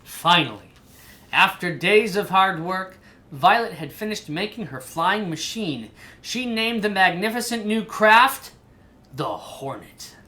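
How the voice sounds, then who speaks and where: A woman reading a children's storybook aloud in an animated style. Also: mid-range voice, slow pace. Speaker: storybook reader.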